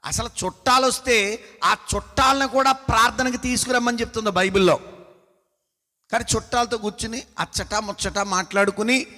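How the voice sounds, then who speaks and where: A man's voice: extremely high pitch, steady tone, fairly quick, pushed and bright. A man preaching a sermon as pastor, questioning the congregation and calling for responses in a church hall. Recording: long hall reverb.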